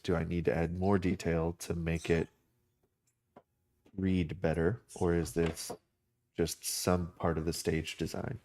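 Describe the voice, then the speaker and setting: Man, very deep voice, live-stream artist, casual rambling chat, lots of fillers, desk mic. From United States. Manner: relaxed, rambling, many fillers and restarts.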